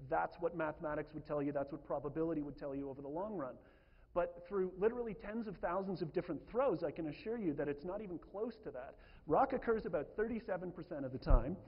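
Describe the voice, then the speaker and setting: Man giving a talk in a big hall. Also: sits high. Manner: chatty, many fillers and restarts. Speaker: conference speaker. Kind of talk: presentation talk. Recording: dull lo-fi sound in a reverberant hall.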